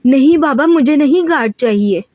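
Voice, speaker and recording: A woman's voice: fairly high pitch, normal speed, a little mellow, no room sound, studio quality, lightly acted. A woman voicing a sulky, childlike young woman who throws tantrums, in a whiny, pouting way.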